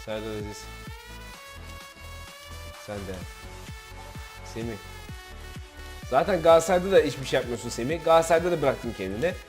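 A man commentating his own football video game, frustrated, shouting and swearing at his players. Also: medium pitch, animated, fairly quick, pauses often, soft background music. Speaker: gaming YouTuber.

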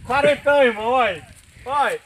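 A man bantering outdoors on a farm, loudly teasing his friends and egging them on. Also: extremely high pitch, moderate pace, low-quality recording. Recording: loud wind noise on camera mic.

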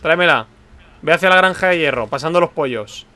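Animated man gaming with friends. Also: fairly high pitch, a little fast, no room sound. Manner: animated, teasing, bursts of exclamations. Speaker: lets-play host. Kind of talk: casual game chat.

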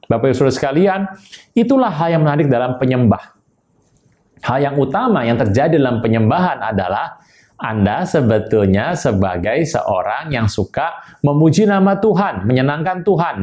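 A man's voice: medium pitch, darkish tone. A man preaching an online sermon, emphatic and repeatedly addressing his listeners directly.

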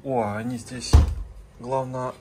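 With a phone in hand, a travel vlogger wanders outdoors and through hotel rooms, casually narrating and addressing viewers as friends, full of fillers. His medium-pitched voice is flat and slow, with background noise behind it.

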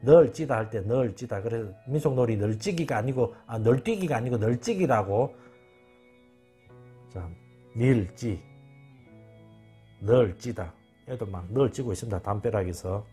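A man's voice: mid-range voice, animated, unhurried, long pauses, dark tone, soft background music. A man giving an informal spoken lecture, emphatic and repeating words over and over. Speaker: channel host.

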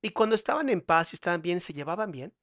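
A man hosting an interview as a therapist, calmly asking empathetic questions. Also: high voice, fast. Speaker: host, therapist.

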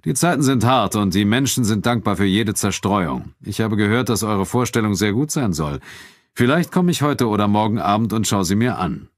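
A composed, cold male official from a spoken storybook, as a man reads him. His voice sits higher than the reader's very deep narration, yet stays controlled and level in tone. The sound is dry and close, with no room around it. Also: no room sound. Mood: calm firm. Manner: calm, measured, quietly firm.

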